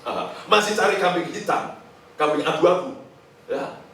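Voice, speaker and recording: A man preaching a sermon in a lively way, acting out quoted voices and laughing between points. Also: high-pitched, normal speed. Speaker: pastor. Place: hotel function hall. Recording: very echoey hall, from far off, faint hiss.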